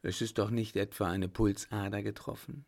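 A man voicing a hushed, anxious young woman. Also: on the low side, fairly even intonation, moderate pace. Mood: tender worried. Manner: breathy, hushed.

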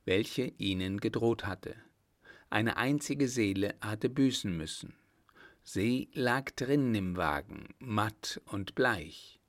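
A man narrates an audiobook in a calm, even storytelling manner. His voice sits low. He reads at an unhurried pace.

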